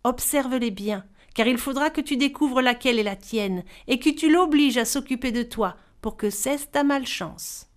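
A woman voicing a kind old village widow who speaks gently and reassuringly, clear-toned and a little high. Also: moderate pace, few pauses, close to an everyday voice. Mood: advising.

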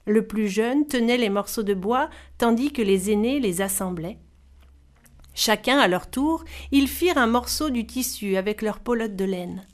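A woman narrating a storybook tale aloud, expressive and giving each character a voice. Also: a little high, unhurried.

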